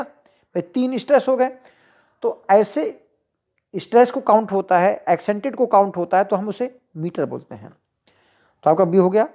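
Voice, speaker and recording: A woman teacher with a Hindi accent, going through exam practice questions, reading each one slowly and then explaining the answer choices. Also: mid-range voice, warm tone. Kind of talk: exam-prep lesson.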